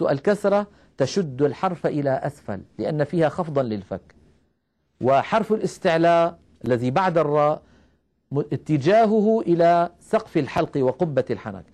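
A man teaching the rules of Quran recitation, explaining each rule step by step, asking his listeners questions and reciting verses slowly as examples. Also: fairly high pitch, a little mellow. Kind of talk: recorded tajweed lesson.

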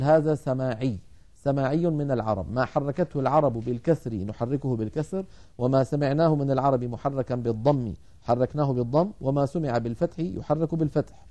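A middle-aged man teaching a televised lesson on Arabic grammar and Quran recitation. He explains at a measured pace and slows down to chant the quoted verses. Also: mid-range voice, warm tone.

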